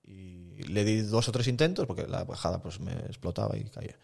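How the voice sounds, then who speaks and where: Brief: low, gravelly man, rapid casual storyteller. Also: darkish tone. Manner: fast anecdotal storytelling, acts out voices. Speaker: guest skater.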